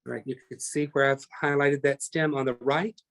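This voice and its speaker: A man's voice: medium pitch, steady tone, fairly quick, vocal fry. Chatty man teaching a painting class. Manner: chatty, talks through each step, self-correcting. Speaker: painting instructor. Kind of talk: live online painting class demonstration.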